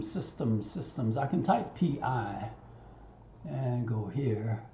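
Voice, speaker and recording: Talking to himself as he goes, a man haltingly thinks aloud through an unscripted software tutorial recorded over his screen. His voice is mid-range, and the audio sounds roomy and muffled, with noticeable background noise.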